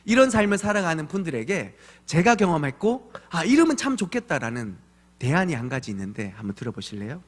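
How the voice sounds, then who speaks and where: A male pastor in his thirties giving an evening church sermon, telling animated stories and acting out voices of his children. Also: a little high, fairly quick. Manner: animated storytelling with acted voices of his kids. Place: church sanctuary. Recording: long church hall reverb.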